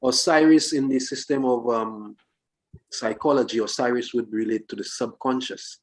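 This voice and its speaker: A man reasoning philosophically in a discussion, speaking deliberately phrase by phrase and posing questions. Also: medium pitch.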